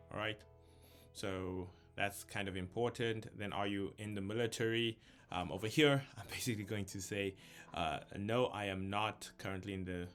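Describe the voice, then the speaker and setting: In a casual screen-share walkthrough, a young South African YouTuber goes through an online application, thinking out loud with lots of ums. He has a deep voice with a fairly bright tone.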